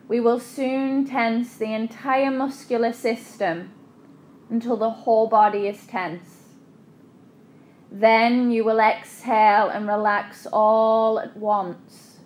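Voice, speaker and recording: Very slow-paced woman guiding relaxation. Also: a little high, a little mellow, a little hiss or hum. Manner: soothing, unhurried, instructional. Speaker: guided relaxation instructor. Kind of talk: guided relaxation meditation narration.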